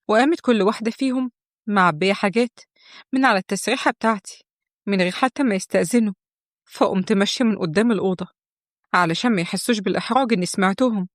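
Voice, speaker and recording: A woman with an Egyptian accent narrating a long family story in a steady storytelling manner. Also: mid-range voice, very fast, dry recording, clean studio sound. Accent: Egyptian Arabic.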